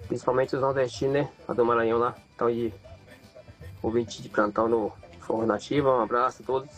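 A man from Brazil leaving a fast voice message with greetings for a radio show. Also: mid-range voice, flat delivery, faint music behind. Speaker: caller.

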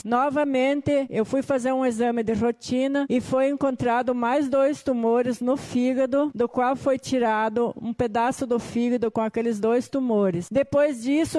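A woman's voice: fairly high pitch, mellow. Devout Brazilian woman in her sixties. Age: 60s. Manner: earnest, devout, plain retelling. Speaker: church member giving testimony. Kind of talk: personal testimony.

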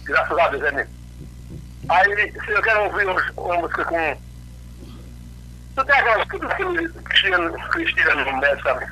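A man's voice: fairly high pitch, big pitch swings, normal speed, pauses often, bright, forceful tone, slightly rough. A man from Northeast Brazil, calling in to a radio show over a crackly cordless phone line and rambling through greetings to his friends. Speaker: radio call-in listener. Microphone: telephone.

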